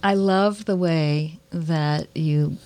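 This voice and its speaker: Unhurried woman interview host. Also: low voice, mellow. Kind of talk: interview talk.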